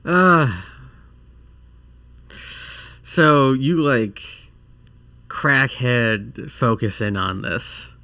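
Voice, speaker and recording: A man's voice: medium pitch, drawn-out words, pauses often, pushed and bright, no echo. Man running a tabletop game. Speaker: game master.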